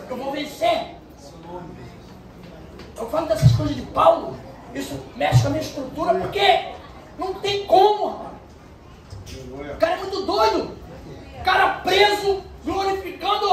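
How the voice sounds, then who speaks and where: Echoey high-voiced woman preaching. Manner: animated storytelling, bursts of shouting. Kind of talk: sermon. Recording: echoey distant room sound with faint noise.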